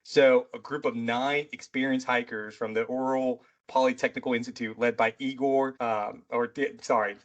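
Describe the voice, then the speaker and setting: A man's voice: medium pitch, fairly even intonation, normal speed, hardly any pauses, lo-fi sound. A man hosting a mystery podcast in a loose, rambling chat, peppered with "you know" and "right". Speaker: podcast host; military veteran.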